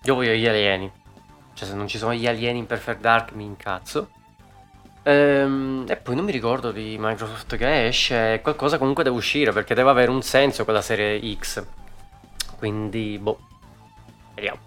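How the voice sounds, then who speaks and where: Male host, lively off-the-cuff stream chat, salty language, music low underneath. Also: normal speed. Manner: animated, swears freely, frequent fillers. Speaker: talk show host. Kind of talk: casual live-stream chat.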